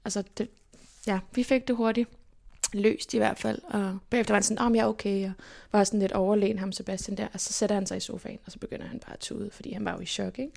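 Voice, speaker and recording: A young woman from Denmark, telling stories from her life as an interview guest in a lively way and acting out what people said. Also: mid-range voice, vocal fry. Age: young adult. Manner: lively, animated retelling with quoted inner speech. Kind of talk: casual personal storytelling.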